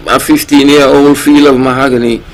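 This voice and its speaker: A man's voice: mid-range voice, flat delivery, normal speed, low-quality recording. A man with a Kittitian-Nevisian accent speaks earnestly and emphatically in a panel discussion, repeating words for stress. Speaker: talk programme panellist.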